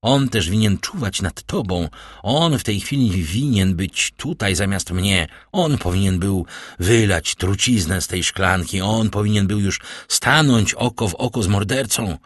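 A man's voice: lowish voice, animated, unhurried, few pauses, dry recording. A man reading aloud as a grave, fatherly nobleman, speaking in a solemn, reassuring way.

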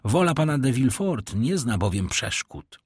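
A man's voice: mid-range voice, sing-song, normal speed, breathy edge, dry recording, studio quality. A man voicing a devoted young man in love, reading his lines from a novel in a fervent, pleading way. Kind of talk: audiobook reading.

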